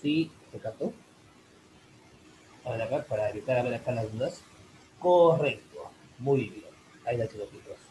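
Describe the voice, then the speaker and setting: A man teaching an online English class in Spanish, answering a student's question in a rambling way with many fillers, addressing the students warmly as "chicos". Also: mid-range voice, animated, moderate pace, long pauses, slight background noise, low-quality recording. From Peru. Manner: rambling, full of fillers like "en este caso" and "chicos".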